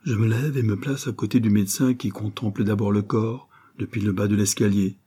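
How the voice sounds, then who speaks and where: A man narrating a first-person detective novel as an audiobook, in a measured storytelling manner. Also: lowish voice, fairly even intonation, mellow, breathy edge.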